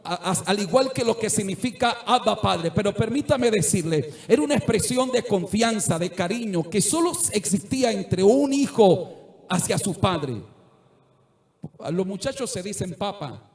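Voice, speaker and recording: A man's voice: high voice, animated, normal speed, a little mellow. A middle-aged male pastor preaching a sermon earnestly, at times rising to fervent exhortation. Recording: echoey church room.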